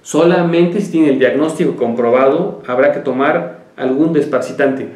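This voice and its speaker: A man's voice: fairly high pitch, normal speed, a little mellow, echoey room. A man, a health show host who talks casually and tells jokes while giving home remedies. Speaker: naturopathic doctor host.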